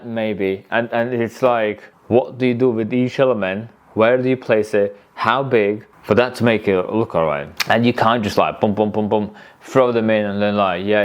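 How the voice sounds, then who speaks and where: Rambling low-voiced tattoo teacher. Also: male voice. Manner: rambling, restarts often, acts out client talk. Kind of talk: casual spoken lesson.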